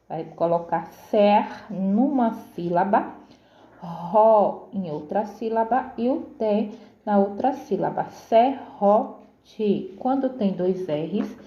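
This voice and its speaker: Slow, careful woman teacher. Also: mid-range voice, reverberant, muffled recording. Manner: slow, careful syllable-by-syllable explanations with frequent "certo?". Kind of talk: grammar lesson to pupils.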